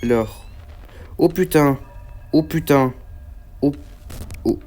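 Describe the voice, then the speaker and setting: A man's voice: on the high side, slow pace, a little mellow. A man commentating a horror game as he plays, rambling, stammering and swearing when startled. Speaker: gaming YouTuber. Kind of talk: let's play commentary.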